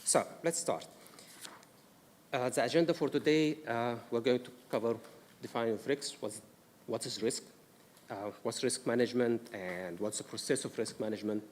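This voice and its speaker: A man from Egypt presents a risk management workshop to a council in their meeting room, explaining carefully in an Egyptian accent with frequent "uh" fillers. His mid-range voice has a darkish tone at normal speed. A distant mic captures him in a reverberant, noisy room.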